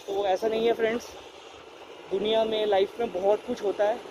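Lo-fi audio from a handlebar camera catches a young Indian cyclist vlogging by an empty stadium, earnestly handing out friendly advice. His voice sits high, with a flat delivery at a moderate pace. Loud ambient noise runs underneath.

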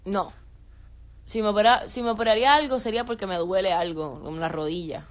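A woman's voice: mid-range voice, steady tone, brisk. A young woman, chatting on a phone live stream, reading viewer questions aloud and answering casually. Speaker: social media creator.

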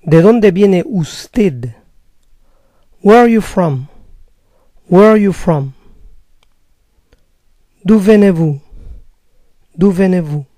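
A man teaching phrases in a slow vocabulary drill, saying each phrase twice. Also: sits high, animated, mellow, no echo, clean studio sound. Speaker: language teacher.

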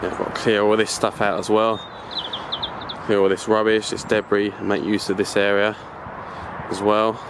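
An allotment vlogger films himself on a handheld camera while giving a chatty, rambling walking tour, often correcting himself. His voice is fairly low at normal speed, and the outdoor camera audio carries steady background noise.

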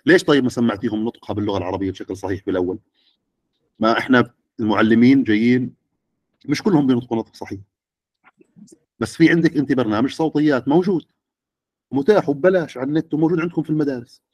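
A man's voice: mid-range voice, racing, long pauses, a little mellow, no room sound, highs cut off. A middle-aged man, lecturing teachers and often checking with the audience. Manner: questioning the audience.

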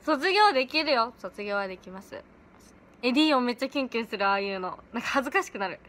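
A teenage girl with a chatting casually on a livestream from home, giggly and quick to laugh. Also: a little high, expressive, a bit bright, slight background noise. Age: late teens. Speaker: idol livestreaming to fans. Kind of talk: casual livestream chat reading comments. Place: at home in pajamas.

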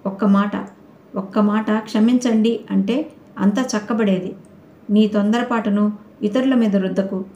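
A woman's voice: mid-range voice, fairly even intonation, a little slow, mellow, muffled recording, natural voice. A woman voicing a young husband who earnestly pleads and reasons with his wife, in an audio novel reading. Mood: pleading. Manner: earnest, persuasive. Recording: roomy echoey recording.

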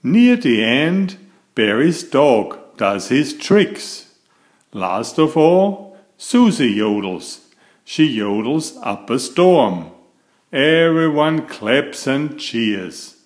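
A man who writes children's stories reads a picture book aloud to young children. His medium-pitched voice is expressive and deliberate, in a storytelling manner.

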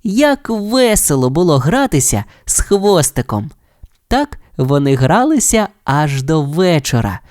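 A children's audio-tale narrator tells the story in an expressive, lilting way. The voice sits in a middle pitch and swings widely up and down. The sound is dry and close. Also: no echo.

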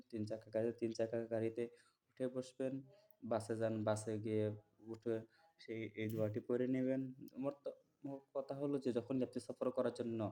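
Teaching prayers for memorization, this religious teacher chants every word slowly, repeats it, then explains in plain terms and checks that listeners are keeping up. He has a mellow, medium-pitched voice.

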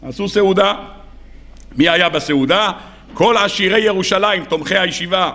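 A rabbi with a high voice preaches in an animated storytelling style. He acts out the dialogue as he goes, and his delivery stays lively throughout. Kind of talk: sermon storytelling.

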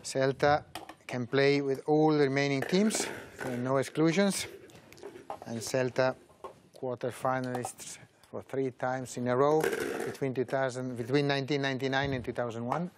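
Middle-aged male draw host, mid-pitched and hesitant, faint noise behind. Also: steady tone. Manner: halting, with frequent "uh" pauses. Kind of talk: presenting a live tournament draw.

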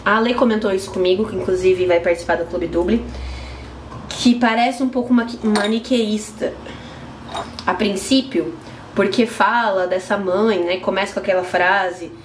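A woman's voice: mid-range voice, steady tone, normal speed. Brazilian girl vlogging on her balcony, chatty, kinda echoey with faint hiss behind. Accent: Brazilian Portuguese. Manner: chatty, trimming pepper plants while talking. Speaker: book vlogger. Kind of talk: casual chat to camera. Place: glassed-in apartment balcony with plants. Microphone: camera at close range. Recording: roomy echo, faint background noise.

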